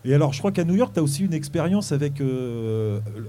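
A man's voice: a little high, lively intonation, brisk, mellow. A male interviewer asking conversational questions, with some hesitation.

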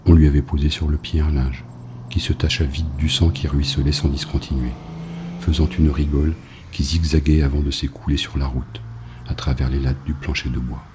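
A man reading a novel aloud as an audiobook narrator, in a grave, measured way. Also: very deep voice, level tone, background noise.

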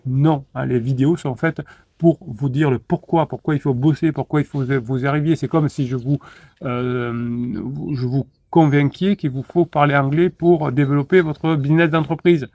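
A man's voice: mid-range voice, fairly even intonation, moderate pace, dark tone, no room sound. A man coaching in a motivational monologue, emphatic and repetitive, with frequent stammered restarts. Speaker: relationship coach.

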